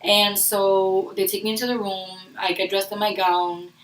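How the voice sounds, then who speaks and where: A young woman telling a personal story in a vlog. She talks in a rushed, earnest way and often restarts her sentences. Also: mid-range voice, level tone. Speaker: vlogger. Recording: roomy echo, distant from the mic.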